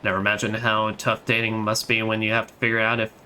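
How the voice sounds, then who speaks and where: Man playing a stoic tough guy, low curt voice, bright. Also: monotone, fast, a little hiss or hum. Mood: calm.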